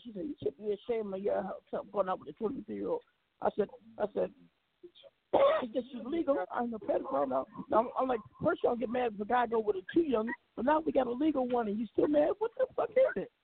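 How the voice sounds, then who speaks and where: Husky-voiced man in his sixties, phone-like. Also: very high-pitched, expressive, fast talker. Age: 60s. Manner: laughing, repeats words, stumbles. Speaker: radio show host. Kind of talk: casual radio chat. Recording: phone-line call-in audio.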